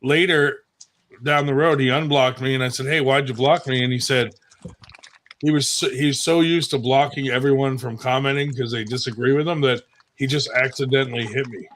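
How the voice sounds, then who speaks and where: A man's voice: medium pitch, steady tone, moderate pace, fairly bright tone. An American man chatting casually in a laid-back manner. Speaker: participant in arm wrestling live chat. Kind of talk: casual chat.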